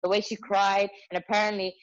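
A woman's voice: mid-range voice, little pitch movement, brisk. A young woman, a mother, telling chatty stories with plenty of fillers in casual conversation. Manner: chatty storyteller, many fillers. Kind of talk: casual chat. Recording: slightly muffled lo-fi audio.

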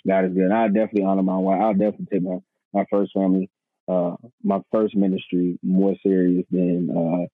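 A man's voice: low voice, level tone, a little fast, dry recording. A man in his thirties, a pastor, telling his story in earnest, casual conversation, often repeating his words and calling the host man or bro. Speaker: pastor, podcast guest. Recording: tinny phone-line sound.

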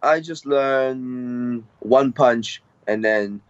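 A man's voice: medium pitch, smooth. Hesitant young man with a Hong Kong accent. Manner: halting, hesitant non-native English with many fillers. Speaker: MMA fighter guest. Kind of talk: casual interview. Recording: dull, dry lo-fi sound.

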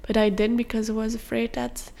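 A young woman hosting a podcast and telling a personal story in a candid, confessional way, with soft fillers. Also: on the high side, monotone, a little fast. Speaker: podcast host.

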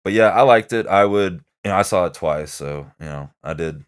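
A man with a very deep, smooth voice, chatting loosely about a film he enjoyed. He talks in a halting, meandering way, circling back and filling gaps with "um" and "like". The delivery is relaxed podcast conversation. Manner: rambling, halting, many fillers. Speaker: podcast movie reviewer. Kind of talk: casual chat.

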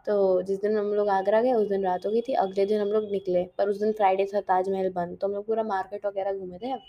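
A woman's voice: mid-range voice, level tone, brisk, lo-fi sound, slight background noise. A teenage girl chatting casually in a diary-style vlog, mixing in English and often correcting herself mid-sentence. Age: teens. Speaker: vlogger.

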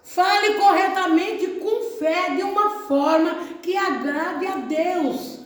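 High-voiced woman pastor preaching in an echoey church. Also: slow. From Brazil. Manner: emphatic preaching, repeating phrases, calling out amen. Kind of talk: sermon. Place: church service.

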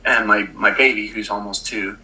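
A man's voice: lowish voice, fairly even intonation, moderate pace, bright, forceful tone, rough recording. A man in his thirties co-hosting a casual chat, telling a long story with lots of fillers and restarts. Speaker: podcast co-host.

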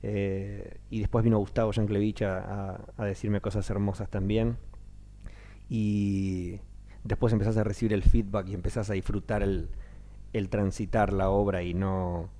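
This is a man in his thirties, a stage actor with a Rioplatense Spanish accent, speaking at normal speed in a lowish voice. In a casual interview he tells stories with energy and acts out quoted voices.

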